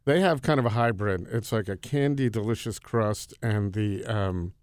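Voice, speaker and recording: A man hosting a food interview, his voice smooth and resonant, recorded dry and close. He from Connecticut, asks long winding questions that circle back on themselves. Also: on the low side, normal speed, darkish tone, no room sound. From Connecticut, United States. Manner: rambling questions, restarts. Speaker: podcast host, interviewer. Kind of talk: casual interview conversation.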